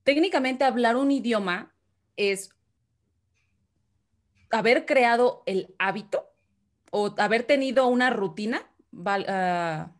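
A woman's voice: on the high side, slow, pauses often. A woman with a Mexican Spanish accent, talking casually as a guest and explaining with questions to her listener. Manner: chatty, explains with questions and restarts. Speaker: guest speaker. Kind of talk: explanatory conversational talk.

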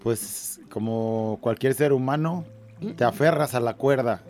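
A man, a radio co-host who adds relaxed, chatty asides. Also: mid-range voice, a little slow, soft background music. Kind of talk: casual chat.

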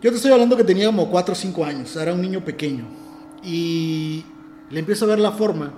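An adult man from Ciudad del Carmen, Mexico, speaks with a Mexican accent in a high-sitting, slightly mellow voice, talking fast. He tells a personal story in casual, earnest conversation, often restarting phrases, in a roomy space with soft background music.

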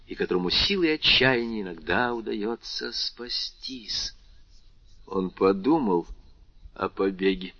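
A man narrating a classic novel as an audiobook in a measured, dramatic reading. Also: on the low side, dry recording. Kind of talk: scripted literary narration. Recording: slightly muffled dry recording.

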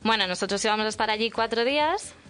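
A woman chatting on a radio show, telling a travel mishap in a lively way with many fillers. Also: a little high, fast, soft background music. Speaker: guest storyteller. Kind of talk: casual radio chat. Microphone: radio studio mic.

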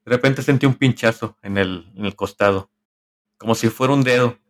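A man with a Mexican accent, a podcast co-host telling a story in a rambling, halting way, full of slang and swearing. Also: medium pitch. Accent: Mexican Spanish. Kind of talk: casual storytelling among friends.

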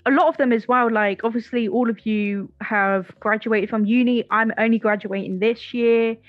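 Over what sounds like a phone line, a twenty-something woman co-hosts a podcast in loose, casual conversation. Her voice is on the high side and steady at a normal speed, recorded dry. She's talkative, swears a lot, and fills her sentences with "like."

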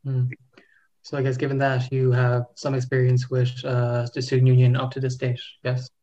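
A man hosting a casual interview in a laconic, low-key way. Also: completely flat delivery, normal speed, mellow, highs cut off.

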